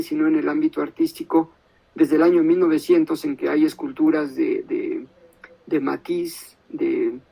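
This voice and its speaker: A man lecturing over a video call. His voice sits a little high and has a gravelly, fry-laden texture. He thinks aloud in a measured way, pausing often and checking in with his listeners. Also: darkish tone, poor audio. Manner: thoughtful, many pauses and tag questions. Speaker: guest lecturer.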